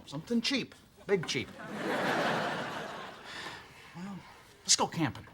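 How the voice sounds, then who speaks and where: Sitcom husband, wisecracking, lively pitch, audience laughter behind. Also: male voice, slow pace, very noisy. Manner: wisecracking, exasperated. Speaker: sitcom lead, family man. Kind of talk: sitcom acting.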